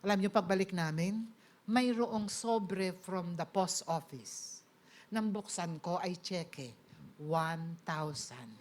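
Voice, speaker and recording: This is a middle-aged woman from the Philippines with a mid-range voice and a Filipino accent. She shares her personal testimony in sermon form, politely addressing the audience while blending in English.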